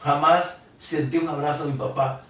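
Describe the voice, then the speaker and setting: A man's voice: on the high side, fairly even intonation, a bit bright, far from the mic. Older man preaching in an echoey church. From Guatemala. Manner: emotional, halting with repeated restarts. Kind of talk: sermon testimony. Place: church hall.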